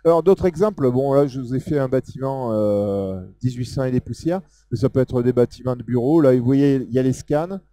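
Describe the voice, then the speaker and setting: A man with a Southern French accent giving a casual live software demo, talking loosely with many fillers as he points things out on screen. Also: medium pitch, a little fast, few pauses, dry recording. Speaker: software presenter. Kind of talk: live technical demo talk.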